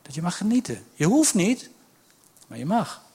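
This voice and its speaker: A man preaching a lively sermon, acting out quotes and joking with the congregation. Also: high voice, moderate pace, slightly rough. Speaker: pastor.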